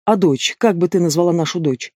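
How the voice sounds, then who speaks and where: A man voicing a male demon prince who speaks in an even, cool, teasing way, read as an audiobook character. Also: on the high side, a little fast, dry recording, clean studio sound, natural voice. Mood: coaxing. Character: calm mocking demon prince, male adult.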